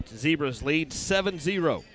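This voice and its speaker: A man announcing a high school football game play-by-play, calling each snap briskly and working in sponsor reads, recorded at an outdoor stadium. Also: expressive, a bit bright, a little hiss or hum.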